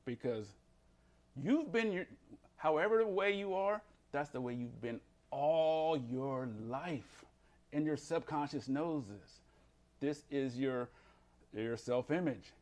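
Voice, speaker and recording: A man, a behavior change counselor, giving a motivational self-help talk that swings between emphatic, animated delivery and a slow, low, calm voice.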